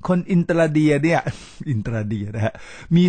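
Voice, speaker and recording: A middle-aged man hosts a podcast in a chatty lecture style, his voice sitting a little high. He talks with lively energy and slips in English words as he demonstrates them. The sound is close and dry, with no room echo. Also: unhurried, breathy edge. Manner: animated, mixes English words into his talk, demonstrates pronunciation. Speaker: podcast host teaching English. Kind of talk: casual lecture-style talk to listeners.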